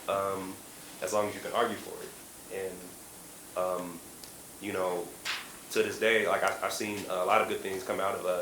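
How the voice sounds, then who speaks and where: A man's voice: sits low, a bit bright. A man from San Diego answering on a career panel, thoughtful and reflective, with many "um" and "like" fillers. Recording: roomy echo, faint hiss.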